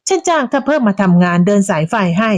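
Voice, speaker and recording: Woman doing an old widow, raised high pitch, sharp exasperated exclamations, dry sound. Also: very animated, fast talker, no echo. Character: brash high-voiced old widow, irritated.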